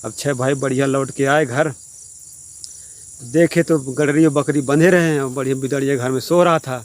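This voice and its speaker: In a mid-range, steady voice at normal speed, a storyteller tells a funny village folk tale casually, rambling and repeating himself in a plain manner.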